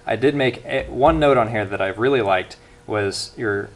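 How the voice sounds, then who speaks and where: A man's voice: on the low side, moderate pace. A young man giving an earnest speech evaluation at a club meeting, with frequent restarts.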